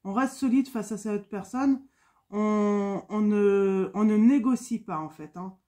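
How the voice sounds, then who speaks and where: A tarot card reader from France, suffering from a cold, gives a casual spoken reading full of fillers and repetitions. Her mid-range voice is unhurried and dark in tone.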